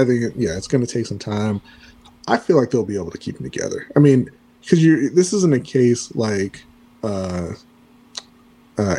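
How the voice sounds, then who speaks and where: A man co-hosting a podcast, giving measured, thoughtful takes on basketball. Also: lowish voice, mellow, husky. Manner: measured, thoughtful, many fillers. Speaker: podcast co-host. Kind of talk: casual sports podcast chat.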